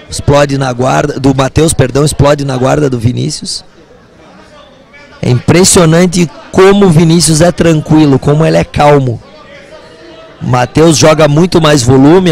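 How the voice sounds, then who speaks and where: A man's voice: a little high, moderate pace, vocal fry, a little mellow. A Brazilian man giving live kickboxing commentary as a fight commentator.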